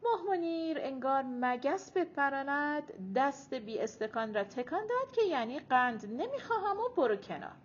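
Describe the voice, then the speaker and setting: A woman reading a novel aloud as audiobook narrator, expressive, dropping low at the ends of sentences. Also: few pauses, a little hiss or hum. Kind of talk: scripted narration. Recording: dull lo-fi audiobook recording.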